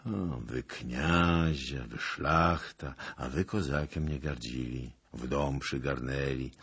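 Man playing a husky, brooding young Cossack chief, slow and grim; audiobook figure. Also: a bass voice, fairly even intonation, fairly bright tone, exaggerated voice. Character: fierce young male Cossack leader, brooding.

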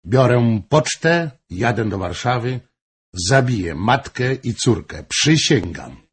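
A man reading an audiobook, voicing a jealous, furious royal mistress in impassioned, accusing outbursts, with a husky voice. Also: lowish voice, lively intonation, unhurried, darkish tone. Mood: threatening.

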